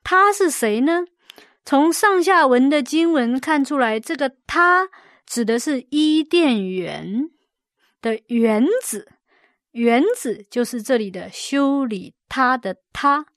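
A woman teaching a Bible word study, explaining slowly and carefully, repeating key words and adding gentle fillers as she goes. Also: high voice, lively intonation, no echo, clean studio sound. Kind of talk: scripted word-study lesson.

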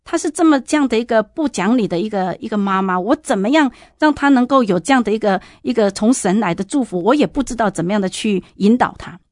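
A woman's voice: medium pitch, expressive, fast talker, few pauses, darkish tone, no echo, clean studio sound. Earnest woman giving testimony. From Taiwan. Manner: earnest, heartfelt, addresses listeners directly. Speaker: testimony speaker.

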